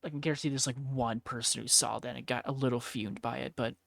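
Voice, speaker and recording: A woman's voice: a bass voice, steady tone, quick pace, creaky, dry recording, studio quality. A woman streamer in casual chat while painting miniatures, chatty, laughing often and blunt, with plenty of swearing.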